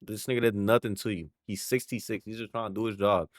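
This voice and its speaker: A man's voice: on the low side, fairly even intonation, quick pace, no echo, studio quality. A man hosting a reaction video in casual slang, tossing in "bro" constantly and breaking into heated outbursts.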